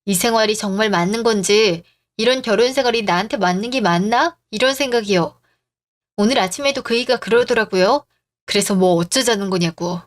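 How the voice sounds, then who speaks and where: A woman reads a family drama story aloud with calm, firm delivery. Her tone is pointed and steady. Her voice sits a little high. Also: a little fast. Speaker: story narrator and wife character. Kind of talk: scripted story narration.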